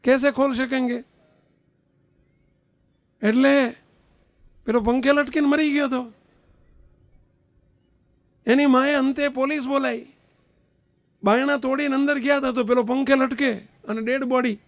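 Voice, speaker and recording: A man's voice: very high-pitched, steady tone, a little slow, long pauses, no echo. A spiritual leader, a man, telling a story to children as a sermon, quizzing his listeners and leading them in chant. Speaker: spiritual leader giving a religious discourse.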